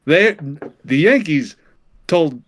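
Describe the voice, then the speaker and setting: Brief: male co-host, slightly high voice, repeats words, joking banter. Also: animated, slow, a bit bright. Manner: stammering, repeats words, casual swearing. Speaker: podcast co-host. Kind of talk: casual comedic banter.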